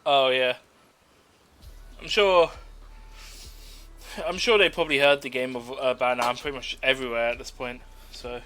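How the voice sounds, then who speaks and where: A man's voice: medium pitch, fairly even intonation, moderate pace, pauses often, sharp tone, soft background music. A man hosting his own livestream, making offhand, laid-back remarks in casual chat. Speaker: streamer host.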